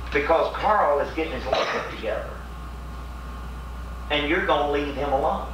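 A man's voice: on the high side, moderate pace. A man speaking as an exorcist in a firm, insistent, repetitive way, picked up by a far camera in a room. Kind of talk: commanding exorcism dialogue. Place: dim indoor room. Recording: very echoey, noisy, distant camera audio with hum.

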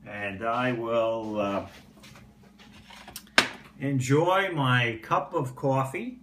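An older man who casually demonstrates breakfast in his home kitchen, talking in a relaxed, chatty way with many "uh" fillers. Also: mid-range voice, drawn-out words. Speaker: pipe-smoking home cooking vlogger. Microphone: phone or camera on the table. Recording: roomy kitchen echo, faint background hum.

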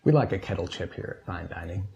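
A man's voice: deep voice, lively intonation, fast talker, creaky, dark tone, lo-fi sound. A middle-aged man in casual food-review chat, jokey and opinionated as a co-host. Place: small indoor room at a table. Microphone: lapel mic.

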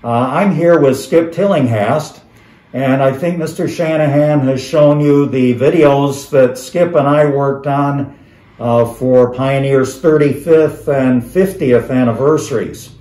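An American man in his seventies, a retired teacher, talks informally to students in a halting way, slightly muffled through a face mask. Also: medium pitch, dark tone. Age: 70s. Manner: halting, pausing often. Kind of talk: informal recorded talk to students, reminiscing. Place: dining room of a historic house. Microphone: camera across a table. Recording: roomy indoor echo.

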